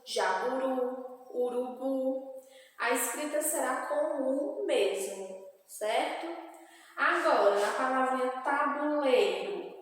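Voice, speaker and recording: Brazilian schoolteacher, woman, slow and deliberate, fairly high voice, roomy reverb. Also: slight background noise. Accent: Brazilian Portuguese. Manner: slow, clear, syllable-by-syllable teaching. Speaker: primary school teacher. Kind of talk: spelling lesson dictation review. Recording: echoey room with long reverb.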